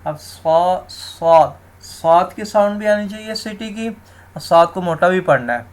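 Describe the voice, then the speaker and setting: A man with a high voice gives a tajweed lesson on Quran recitation rules, explaining each rule and then slowly sounding out words as demonstration. He often turns to his viewers as friends.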